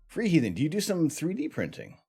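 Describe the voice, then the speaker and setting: A man hosting a live stream, chatting with viewers and thanking them, laughing and clearing his throat between bites of hot peppers. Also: on the high side, huge pitch swings, a little fast, mellow, soft background music. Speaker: livestream host. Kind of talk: casual live-stream chat.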